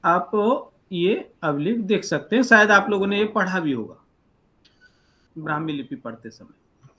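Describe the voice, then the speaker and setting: Male online teacher, higher voice, patient and deliberate, video-call audio. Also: animated, sharp tone. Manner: explains letter by letter, patient and deliberate. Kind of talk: online lecture.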